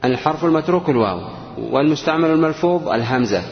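A man teaching a classroom grammar lesson, drilling words slowly, repeating them and putting questions to his students. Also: a little high, animated. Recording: dull lo-fi recording in a reverberant room.

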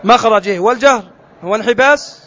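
A man with a very high voice leads a tajweed lesson. He quizzes his students and says letter sounds over and over for them to copy. The recording is dull and lo-fi, made outdoors. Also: brisk, a bit bright, a little hiss or hum. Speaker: Quran recitation teacher.

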